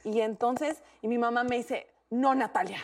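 Fields: Sex: woman. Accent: Mexican. Role: talk-show co-host. Trait: fairly high voice, a bit off-mic. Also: moderate pace, recorded from a distance, soft background music. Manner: animated, slangy, acts out quotes. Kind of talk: casual talk-show storytelling.

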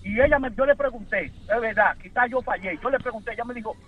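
Fast-talking man on a prank call, placating and crude. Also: extremely high pitch, narrow, tinny audio. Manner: placating, crude, pleading to talk calmly. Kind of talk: comedy phone prank.

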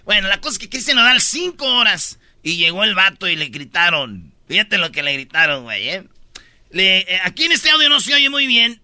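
A man's voice: high-pitched, fairly quick, no echo. A man with a Mexican accent hosting a radio show, chatting casually with slang and acting out voices. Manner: animated, slangy, acts out voices. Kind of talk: casual comic radio chat.

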